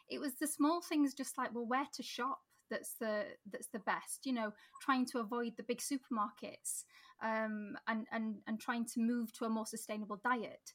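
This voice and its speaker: With a slightly high, fairly bright voice, this Yorkshire-accented woman from Sheffield talks conversationally in an interview as a political candidate. She is chatty, laughs a lot, and often restarts.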